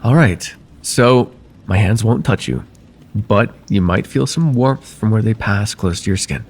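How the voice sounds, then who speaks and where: A man with a lowish, slightly slow voice plays a courteous nocturnal vampire therapist in an ASMR roleplay. He addresses the listener formally and gently, soothing and a little hesitant, in a hushed, hypnotic mood.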